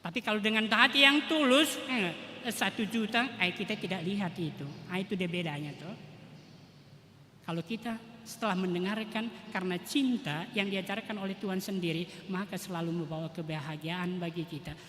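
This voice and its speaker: Priest preaching in an echoey church. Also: male voice, high voice, normal speed, bright, forceful tone. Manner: emphatic preaching, tag 'toh' often. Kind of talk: sermon. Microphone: livestream mic in church. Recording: echoey church hall, faint noise.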